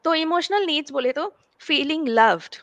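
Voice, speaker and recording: A woman who works as a life coach, answering interview questions slowly and listing her points one by one. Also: sits high, lively intonation, a bit bright, no room sound. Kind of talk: interview answers mixing Hindi and English.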